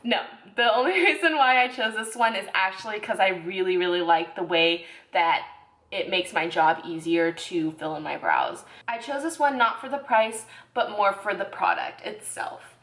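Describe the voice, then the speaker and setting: A young woman beauty vlogger casually reviews beauty products, chatty and self-correcting, saying "like" a lot. Her mid-range voice is a bit bright and moves at a moderate pace. The room is echoey.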